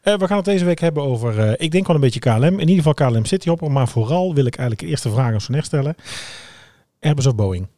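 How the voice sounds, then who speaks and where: A man's voice: fairly high pitch, expressive, quick pace, dark tone, dry recording, clean studio sound. A man with a Brabant accent, co-hosting a podcast in chatty, enthusiastic casual talk. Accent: Brabant Dutch. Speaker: podcast co-host. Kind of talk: casual chat.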